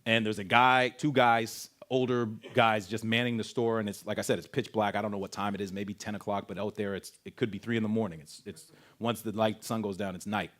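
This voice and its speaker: A man from Canada, speaking at a camp and telling a personal story in an animated way, acting out voices and sound effects. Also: lowish voice, a little fast. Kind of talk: storytelling testimony talk.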